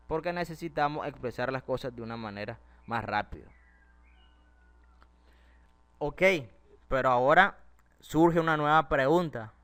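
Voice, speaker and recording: A man's voice: a little high, fairly bright tone, smooth. A man with Spanish as his first language, explaining English grammar step by step and asking his students questions as he goes. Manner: explains step by step, asks the class rhetorical questions. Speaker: English teacher. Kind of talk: classroom-style grammar lesson.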